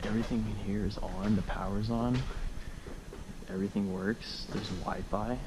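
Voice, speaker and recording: A man's voice: lowish voice, flat delivery, moderate pace. A teenage boy vlogging while exploring an empty school, talking casually and often half under his breath to the camera. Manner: hushed, muttering to the camera. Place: large empty school building, hallways and tiled bathroom. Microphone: head-mounted action camera. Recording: echoey rooms, loud background noise.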